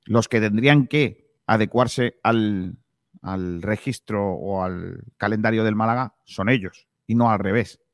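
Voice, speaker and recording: A man hosting a sports radio show in a casual, colloquial, halting conversational way. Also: fairly low pitch, dry recording, studio quality. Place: stadium press room.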